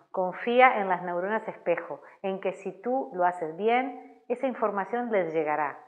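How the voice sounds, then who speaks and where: A woman explains to fellow educators how to lead children's rhymes, in a calm and carefully articulated voice. She speaks at a mid pitch, and the recording is slightly muffled and lo-fi. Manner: calm, clearly articulated, demonstrates rhymes aloud. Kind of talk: instructional talk to educators.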